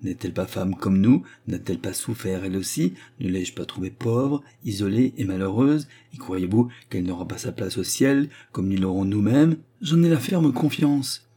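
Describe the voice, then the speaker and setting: A man voicing a gentle, earnest young woman who speaks softly and pleadingly. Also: lowish voice, lively intonation, normal speed, hardly any pauses, breathy edge.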